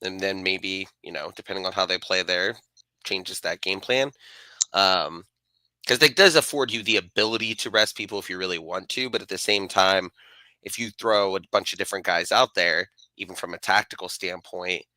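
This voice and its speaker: Bright-voiced man talking soccer casually. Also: low voice, moderate pace, no room sound, poor audio. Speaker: podcast co-host. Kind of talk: casual sports chat.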